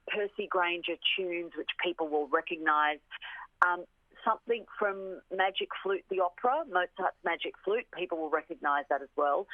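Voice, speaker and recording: Her voice fairly low, a woman from an orchestra joins a radio interview over the telephone, speaking eagerly and emphatically and repeating phrases for emphasis. The sound is dry, tinny, and band-limited.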